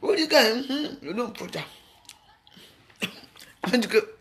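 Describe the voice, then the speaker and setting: A woman's voice: on the high side, animated, a bit bright, a little hiss or hum. Woman mocking in a rambling rant. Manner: mocking, scolding, quick restarts. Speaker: social media personality. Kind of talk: ranting live video.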